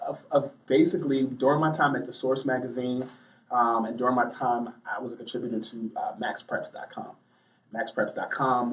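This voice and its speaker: A male sports and entertainment journalist, speaking as an interview guest, answers conversationally in a mid-range voice. He builds his points haltingly, often repeating words, and the microphone sounds slightly distant.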